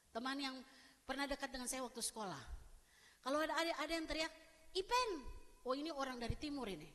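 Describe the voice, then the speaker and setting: A woman pastor from eastern Indonesia preaches a lively, conversational sermon with a high voice. She keeps asking the congregation questions and acting out callers' voices. The church hall leaves a long reverb behind her words. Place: church sanctuary.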